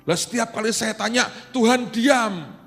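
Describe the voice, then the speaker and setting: A middle-aged man preaching a sermon, animated and swinging from loud exclaiming to hushed asides. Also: extremely high pitch, a little slow, gravelly. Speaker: pastor. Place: church hall. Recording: long hall reverb with faint music behind.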